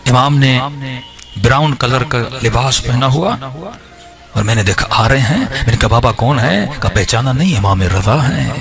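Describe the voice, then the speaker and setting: Gravelly, lively-voiced preacher telling a story. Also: male voice, mid-range voice. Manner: dramatic, animated storytelling with whispered asides. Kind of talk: storytelling sermon. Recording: music behind the voice.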